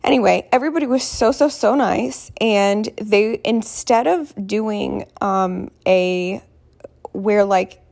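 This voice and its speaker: A woman talks casually as if recounting her day to a friend. Her voice is hoarse, with plenty of creaky fry at an average pitch. She rambles candidly and pokes fun at herself as she goes. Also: slow, a little mellow. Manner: candid, rambling, self-deprecating, quotes others in dialogue. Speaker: vlogger. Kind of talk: casual personal storytelling.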